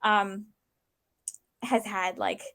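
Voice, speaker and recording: Earnest woman in her 20s from the uae, guest on an interview, halting, thinks out loud. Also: medium pitch, fairly even intonation. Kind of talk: casual interview.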